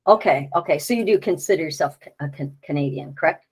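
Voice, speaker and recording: A woman's voice: low-pitched, fast talker, darkish tone, slightly rough, low-quality recording. Upbeat woman hosting a chat. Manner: upbeat, enthusiastic interjections. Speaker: radio show host. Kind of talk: casual interview conversation.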